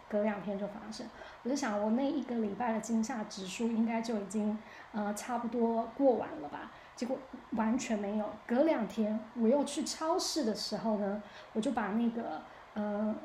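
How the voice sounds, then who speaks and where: Telling a story about her own blunder, this podcast host talks in a candid, casual way on her solo show. Her voice is fairly high and mellow, captured in an echoey space with a little background noise.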